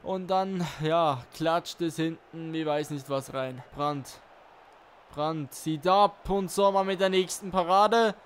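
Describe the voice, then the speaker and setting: A man's voice: fairly high pitch, slow pace, a little hiss or hum. A man giving play-by-play commentary on his own football video game, calling out player names as he goes. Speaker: gaming YouTuber playing and commentating his career mode.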